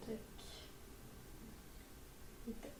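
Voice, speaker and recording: A woman's voice: very slow, warm tone, echoey room, a little hiss or hum. A woman vlogger reviewing makeup in a casual, chatty way, with lots of fillers and informal slang. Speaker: beauty vlogger.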